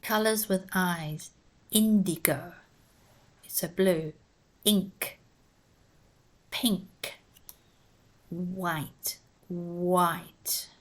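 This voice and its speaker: Slow, deliberate woman teaching vowels. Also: lowish voice. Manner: spells words out letter by letter. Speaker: English teacher. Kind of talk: slow, careful pronunciation lesson.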